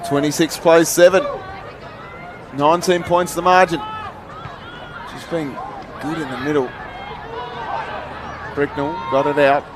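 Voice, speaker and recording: Man, Australian accent, live football commentator, fairly high voice, excitable, outdoor ground with noisy crowd. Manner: excitable, shouts at goals. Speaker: sports commentator. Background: crowd and outdoor noise.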